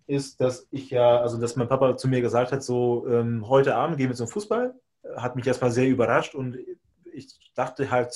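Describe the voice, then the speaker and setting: This mid-range, darkish male voice belongs to a native Hungarian speaker from Hungary who co-hosts a podcast. In a casual chat, he wanders through a lengthy personal story, often stopping to correct himself.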